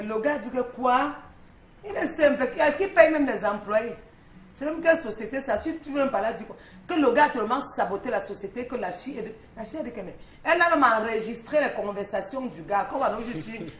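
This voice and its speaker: A woman's voice: on the high side, fairly quick, reverberant, a little hiss or hum. A woman columnist on a morning talk show, telling a street story in a chatty, teasing way. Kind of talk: lively storytelling chat.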